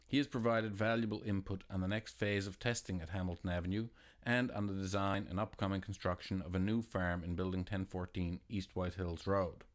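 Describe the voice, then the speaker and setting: A man reading a scripted, formal narration in a measured way. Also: deep voice, fairly even intonation.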